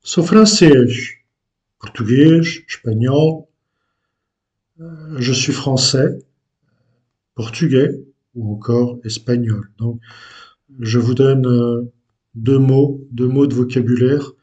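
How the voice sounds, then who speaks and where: Slow, hesitant man teaching language. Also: mid-range voice, steady tone, a little mellow. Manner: slow and deliberate, with frequent hesitations. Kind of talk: unscripted language lesson.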